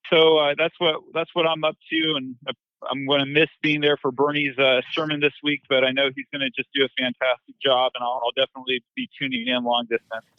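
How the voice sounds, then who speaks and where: A pastor speaking in a level, even voice with little rise and fall. He chats easily and uses fillers. His voice comes dry and slightly muffled over a remote line. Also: medium pitch, a little fast, no room sound. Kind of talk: casual podcast chat by remote call.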